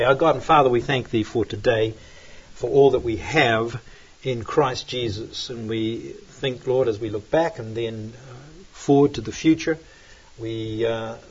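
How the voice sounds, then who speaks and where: Husky New man rambling. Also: mid-range voice. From New Zealand. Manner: rambling, hesitant, many fillers. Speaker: pastor. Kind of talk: relaxed sermon chat and prayer. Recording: dull lo-fi recording.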